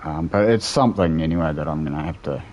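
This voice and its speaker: The recording is muffled, and the man's voice is extremely low-pitched and fast. He's a young New Zealander streaming gameplay from home, casually rambling and answering his viewers' chat as he plays.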